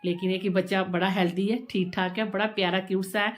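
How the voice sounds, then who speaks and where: A woman's voice: medium pitch, level tone, fast talker. A woman talking casually in a home vlog, chatty and emotional, often repeating herself. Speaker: vlogger.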